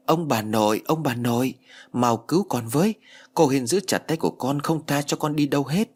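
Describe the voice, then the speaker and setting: A man's voice: medium pitch, very animated, a little fast, husky. A man voicing a young village boy who scolds and coaxes his ghost aunt in an earnest way. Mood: stern. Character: young village boy, stern yet coaxing.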